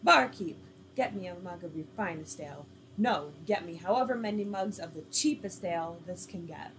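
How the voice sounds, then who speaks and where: A woman reading the lines of a young, aggressive male orc warrior who speaks gruffly. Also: fairly low pitch, lively intonation, moderate pace, noisy background. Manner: gruff, demanding.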